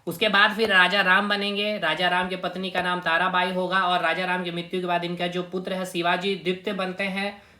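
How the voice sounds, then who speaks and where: A man's voice: high voice, level tone, a little fast, pushed and bright. A man teaching an exam-prep lecture, repeating key terms and checking in with his students as he drills them. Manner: repetitive, drills terms, tags lines with "okay" and "brother". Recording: echoey room with faint noise.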